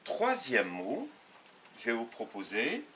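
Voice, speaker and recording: A man gives a patient, methodical beginners' lesson, spelling out sounds one by one and correcting himself along the way. His voice is bright and forceful, with a faint hiss in the background. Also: mid-range voice, wildly swooping pitch, takes it slowly, distant mic. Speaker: Arabic teacher. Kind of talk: step-by-step lesson for learners.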